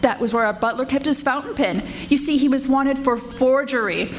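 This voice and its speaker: A woman's voice: sits high, moderate pace, natural voice. A woman playing a prim, genteel society lady with a formal, superior manner in an old-time radio comedy. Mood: smug. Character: prim, haughty society lady, politely one-upping. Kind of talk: 1940s radio comedy acting before a live audience. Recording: live stage recording with faint noise.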